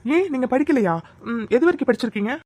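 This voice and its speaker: A friendly young man from a cartoon, voiced by a woman, always joking with his buddy. He talks fast in a somewhat high voice, recorded dry and close. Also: lively intonation, a little mellow, dry recording. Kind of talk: cartoon dialogue.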